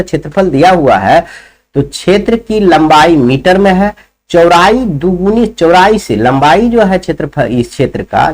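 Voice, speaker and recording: A man with a fairly high voice teaches a math class. He walks through every step and keeps stopping to ask his students questions. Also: a little mellow. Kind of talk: classroom lesson.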